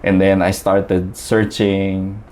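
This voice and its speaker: A Filipino man, appearing as an interview guest, tells his story in a very low, darkish, monotone voice, speaking slowly. His delivery is chatty and full of fillers and restarts, with faint noise in the background.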